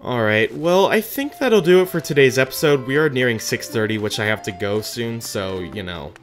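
Animated gamer musing aloud over music. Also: mid-range voice, moderate pace. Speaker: host of a gaming series. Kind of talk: casual gameplay commentary, reading game dialogue aloud. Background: game music.

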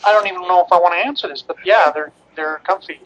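Defensive young grandson, played by a man, comedy call. Sharp, forceful tone, slightly dull recording. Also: high voice, fast talker. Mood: exasperated. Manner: hesitant, defensive, argumentative. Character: defensive, exasperated adult grandson in denial. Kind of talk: improvised comedy phone-call skit.

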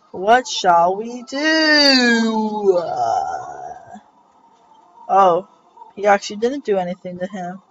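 A woman's voice: medium pitch, slight background noise. A young woman casually commenting on her gameplay, rambling, joking and correcting herself. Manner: rambling, self-correcting, jokey. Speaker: let's play host. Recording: dull lo-fi recording with faint music.

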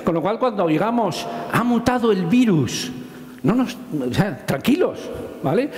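A man with a Spanish accent giving a lively public science talk, joking and asking his audience questions. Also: on the high side. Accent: Spanish from Spain. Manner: jokey, asks the audience questions, swears casually. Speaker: microbiology lecturer. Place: large lecture hall. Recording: roomy hall with long reverb.

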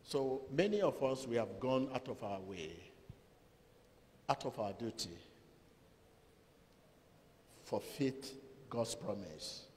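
Middle-aged male pastor, sermon, very lively pitch, handheld mic, long reverb of a large church hall. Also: slow, pauses often. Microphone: handheld microphone. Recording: long hall reverb, faint room noise.

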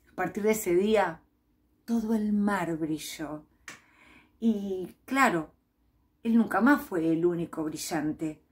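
A woman with a Rioplatense Spanish accent telling a children's story with expressive, drawn-out emphasis. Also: lowish voice.

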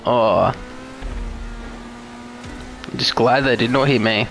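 A man's voice: mid-range voice, slow, gravelly, fairly bright tone, faint music behind. A young man streaming a driving game live, chatting casually with viewers, swearing often and venting road rage. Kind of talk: live gameplay commentary.

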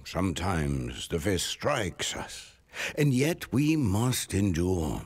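Raspy, devout very old man. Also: deep voice, big pitch swings, darkish tone, full character voice. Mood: solemn, devout. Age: older. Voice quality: raspy, gravelly. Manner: solemn, poetic, slow measured delivery. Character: devout, weary very old man, poor community elder. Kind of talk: video game voice acting.

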